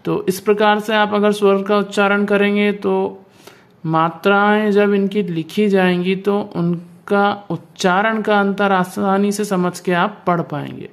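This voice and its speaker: Patient alphabet teacher, mid-pitched, drags out every sound for pupils to copy. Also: steady tone. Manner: slow, drawn-out enunciation of each sound. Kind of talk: Hindi alphabet pronunciation lesson.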